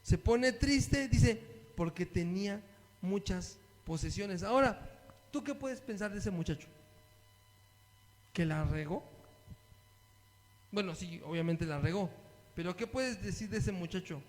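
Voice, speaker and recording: Man, a high voice, preaching and reading scripture, long hall reverb. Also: measured pace, long pauses, a little hiss or hum. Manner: reads scripture aloud and asks the listeners questions. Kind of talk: sermon Bible study.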